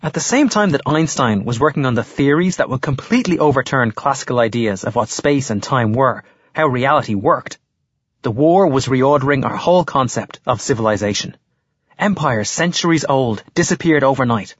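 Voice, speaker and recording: An actor playing an earnest history teacher who lectures in a measured, explanatory way. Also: male voice, mid-range voice, lively intonation, slightly rough, no echo, highs cut off. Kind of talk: audiobook character voice.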